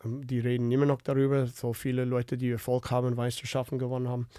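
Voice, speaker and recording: A man's voice: mid-range voice, completely flat delivery, quick pace, warm tone, no echo, studio quality. A man in his fifties from Canada, speaking with a Canadian English accent and many fillers and restarts as a podcast guest. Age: 50s. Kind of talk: casual interview chat.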